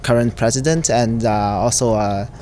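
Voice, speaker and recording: A man's voice: mid-range voice, normal speed, dark tone, a little hiss or hum. A young male student from Taiwan answering interview questions hesitantly, with many uhs and likes. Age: young adult.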